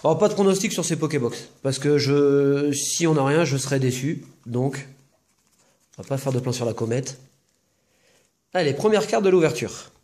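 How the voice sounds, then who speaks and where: A man's voice: mid-range voice, moderate pace, darkish tone. A man hosting a casual unboxing video, talking to viewers in a chatty, rambling way with jokey asides. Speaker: video host opening trading-card boxes.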